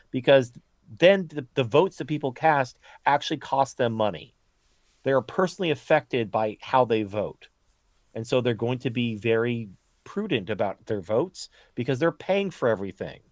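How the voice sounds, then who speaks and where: A man's voice: mid-range voice, dry recording, studio quality. A man as a podcast guest, ranting bluntly in casual political chat, swearing often and restarting his sentences.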